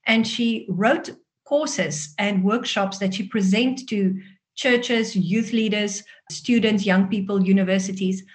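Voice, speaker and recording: A woman in her forties, a native Afrikaans speaker with a South African Afrikaans accent, tells her own story expressively as a guest author in an interview. Her voice is mid-range and slow.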